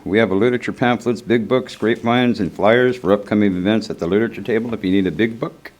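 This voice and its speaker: A man's voice: fairly low pitch, fast, a little mellow. A man chairing a group meeting who reads the announcements from a set format and breaks into offhand asides.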